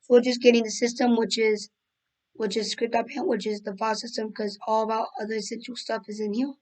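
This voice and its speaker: A woman's voice: on the high side, little pitch movement, quick pace, a little mellow, poor audio. A woman who is losing her voice, casually walking through a coding tutorial with fillers and restarts. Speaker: tutorial host. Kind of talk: screen-recorded coding tutorial.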